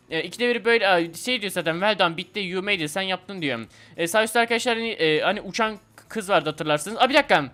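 A young man commentating a platform game for viewers, excitable and chatty, often talking to the game itself. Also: sits high. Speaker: gaming video host. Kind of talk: excited let's-play commentary.

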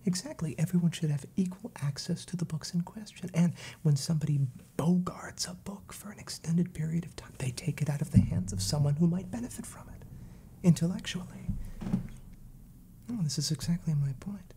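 A man's voice: fairly high pitch, a little fast, mellow, a little hiss or hum, close to an everyday voice. A man in his twenties playing a fussy, exasperated, wordy librarian scolding a child in a whispered role-play. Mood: indignant, confiding. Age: 20s. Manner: prim, wry, wordy.

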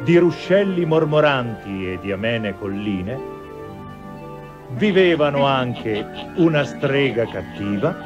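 A man narrates a cartoon fairy tale for children in a scripted, theatrical storytelling style. His mid-range voice is very animated yet slow. The TV soundtrack sounds dull and lo-fi, with music in the background.

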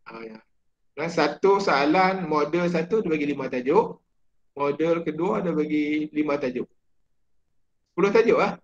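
Malaysian religious teacher, man, talking students through exam prep with lots of fillers; a somewhat high voice on a muffled, lo-fi recording. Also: fairly bright tone. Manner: chatty, many fillers and checks.

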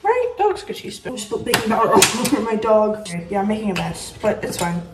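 Filmed on a distant phone camera in a roomy kitchen with music playing, a teenage girl vlogs while baking at home, her voice a little high with big pitch swings and a quick pace. The recording is off-mic and very noisy. She's chatty, rambling and self-mocking.

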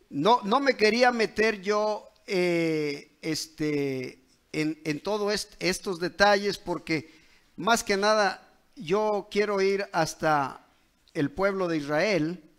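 Male preacher, high voice, unhurried halting sermon delivery. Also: a bit bright, smooth. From Mexico. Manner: slow and halting, many fillers and tag questions.

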